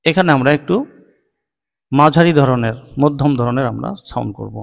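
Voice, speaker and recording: A man with a Bengali accent, a native Bengali speaker, teaching English phonics to children, drawing out each word slowly as a drill. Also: mid-range voice, gravelly, in a large hall. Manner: slow, drawn-out word-by-word pronunciation drills.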